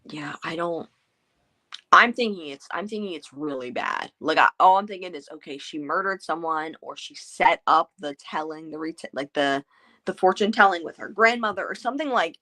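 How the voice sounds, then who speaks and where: A woman's voice: fairly low pitch, expressive, moderate pace, sharp tone. A woman hosting a casual book club chat, talking in loose, rambling sentences full of fillers. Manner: chatty, trailing off with fillers.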